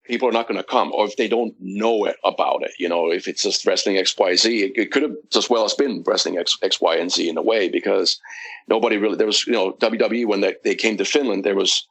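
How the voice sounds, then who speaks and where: Deep-voiced man, rambling. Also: quick pace, a bit bright, rough recording. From United States. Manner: rambling, many fillers and restarts. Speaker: guest, wrestling promoter. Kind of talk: casual podcast chat.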